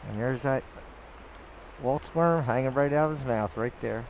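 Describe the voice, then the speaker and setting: A man's voice: mid-range voice, normal speed, a little hiss or hum. Muffled man behind a face mask. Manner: excited, chuckling, talks to viewers as he fishes. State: cold, frozen. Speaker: fly-fishing vlogger. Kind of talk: casual running commentary while fishing. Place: outdoors, wading in a creek. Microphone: body or handheld camera.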